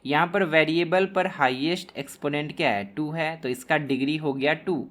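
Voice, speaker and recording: Man teaching maths, slow and deliberate. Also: fairly high pitch, fairly bright tone. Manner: slow, deliberate, dictating terms as he writes. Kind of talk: classroom lesson explaining at a board.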